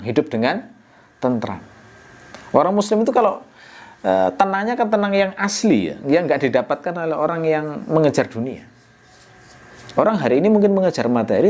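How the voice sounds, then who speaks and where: A man teaching the meaning of a scripture passage in a relaxed, conversational way. He poses rhetorical questions and answers them himself. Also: mid-range voice. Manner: conversational, frequent "ya" and "nah" fillers. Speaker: Quran exegesis teacher. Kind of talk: explanatory religious lecture.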